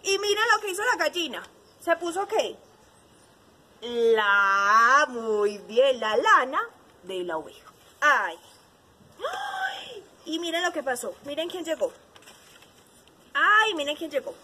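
A woman teacher in character as Mother Nature, telling a story to young children in an outdoor garden with lively exclamations. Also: high voice, measured pace, pauses often. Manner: animated, exclamatory, sing-song.

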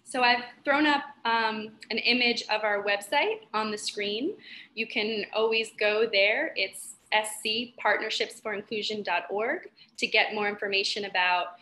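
Bright, chatty woman webinar host. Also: medium pitch, steady tone, measured pace, slight background noise. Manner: upbeat, chatty, filler ums. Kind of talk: hosting an online training. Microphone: video call.

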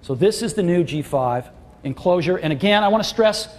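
A man's voice: high voice, expressive, fairly quick, a little mellow. Enthusiastic man presenting on a stage. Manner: enthusiastic, emphatic salesmanship with repeated superlatives. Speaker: keynote presenter. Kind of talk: product launch keynote. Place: large auditorium stage with audience. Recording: long hall reverb, faint crowd.

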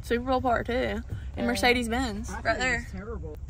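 A woman's voice: on the high side, fast talker, fairly bright tone. Chatty young woman vlogging on a phone. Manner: chatty, giggly, upbeat. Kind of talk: casual vlog chat. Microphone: phone camera.

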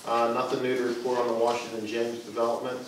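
A man reports on road and bridge projects in a level, matter-of-fact way, with frequent fillers. His voice stays flat in pitch and sounds distant from the mic. The room echoes heavily and noise sits underneath. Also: fast. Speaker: borough engineer. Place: council chamber.

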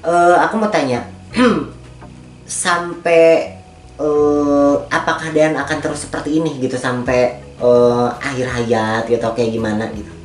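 A woman's voice: deep voice, steady tone, a little slow, distant mic. A woman hosting a podcast interview, attentive and prompting with frequent hums of assent. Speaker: podcast host. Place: small indoor pink-decorated studio. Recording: roomy echo with faint background music.

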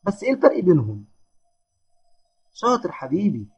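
A man with an Egyptian accent teaching young children their letters, praising them and drawing out each syllable slowly. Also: sits high, wildly swooping pitch, husky. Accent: Egyptian Arabic. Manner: encouraging, drawn-out syllable drills. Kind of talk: children's phonics lesson. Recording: dull lo-fi lesson audio.

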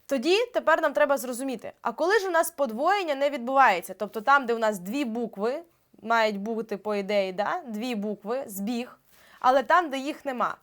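A young woman teacher giving an exam-prep grammar lesson, explaining step by step and drawing out example words slowly. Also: a little high, animated. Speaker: Ukrainian language teacher.

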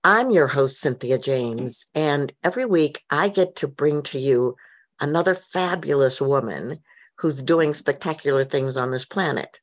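A woman hosting a podcast interview, introducing her guest with upbeat enthusiasm. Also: deep voice. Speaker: host.

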